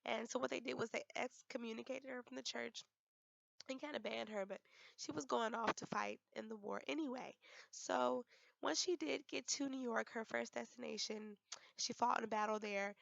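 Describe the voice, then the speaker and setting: A young woman, hoarse from a cold, giving a class presentation with frequent ums and restarts. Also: fairly high pitch, fairly bright tone, no room sound, muffled recording. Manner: halting, many ums and restarts. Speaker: student presenter.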